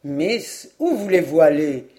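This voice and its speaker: Brief: bitter storybook lord, low and curt, mellow dark tone, voiced by a woman narrator. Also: lively intonation, slow pace. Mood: surprised. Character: grim, bitter Scottish lord, middle-aged man.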